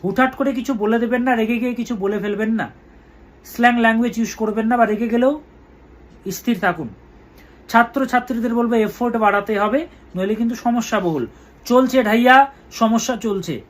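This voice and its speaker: Man astrologer with a high voice, slow emphatic delivery with chanted mantras. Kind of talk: weekly horoscope talk.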